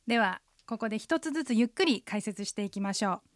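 A woman hosting a radio language lesson, calmly guiding listeners through the phrases. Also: mid-range voice, fast talker, no room sound, studio quality.

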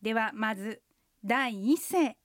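A woman co-hosting a radio language lesson, slowly and carefully explaining how sounds are pronounced. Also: on the high side, expressive, no echo, clean studio sound. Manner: slow, careful explanations of pronunciation. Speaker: Chinese language instructor and co-host. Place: radio studio.

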